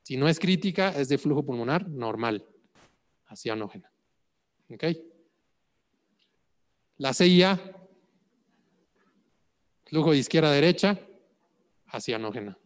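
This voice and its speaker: A man's voice: mid-range voice, long reverb tail. A man lecturing on clinical cases, asking rhetorical questions and checking in with "ok?". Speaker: medical exam prep lecturer.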